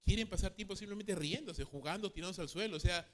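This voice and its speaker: Higher-voiced man teaching a church class. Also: fast, a little hiss or hum. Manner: tags sentences with a questioning "no?"; acts out parents and children in quoted lines. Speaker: Bible counseling instructor.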